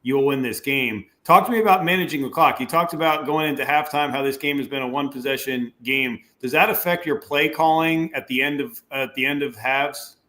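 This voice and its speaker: Bright-voiced co-host analyst. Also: male voice, medium pitch, fairly quick, hardly any pauses. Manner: direct, asks pointed questions. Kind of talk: casual sports analysis.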